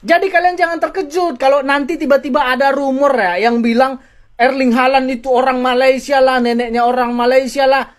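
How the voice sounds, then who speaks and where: A woman chats through the football news in a gossipy, mocking way, slipping into little acted quotes. Her voice sits high for a woman. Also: fairly even intonation, brisk. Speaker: football commentator. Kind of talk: casual commentary.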